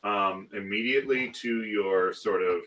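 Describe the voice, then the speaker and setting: A man narrating a live tabletop game as game master, in halting, conversational storytelling mixed with banter. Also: lowish voice, a bit bright, recorded from a distance, low-quality recording.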